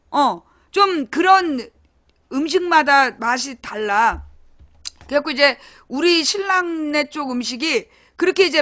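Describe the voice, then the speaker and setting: A middle-aged woman with a high, bright voice chats casually to her online viewers. She tells stories about home life and acts out quoted arguments in a raised voice. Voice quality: chatty, laughing, animated storytelling. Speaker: online broadcaster.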